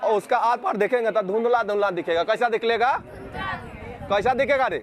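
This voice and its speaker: High-voiced Bihari man quizzing a class. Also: brisk, crowd noise. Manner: drills with constant repeated questions, scolds students. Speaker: physics teacher. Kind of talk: classroom lecture to students.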